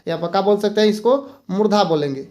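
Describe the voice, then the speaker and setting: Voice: mid-range voice, fast, darkish tone. Teacher quizzing and answering own questions. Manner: asks rhetorical questions and answers them; repeats points patiently, mixes in English words. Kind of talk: exam-prep grammar lesson.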